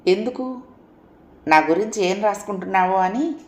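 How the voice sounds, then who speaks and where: A woman's voice: mid-range voice, animated, normal speed, echoey room, lightly acted. A woman voicing an impatient, dismissive young husband in an audio story, scoffing as he speaks. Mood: sulky.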